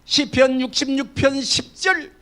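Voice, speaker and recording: A man in his seventies with a Jeolla accent, a pastor preaching a sermon, swinging between loud declaiming and hushed folksy asides. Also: very high voice, a little slow. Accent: Jeolla Korean. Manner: folksy, colloquial storytelling.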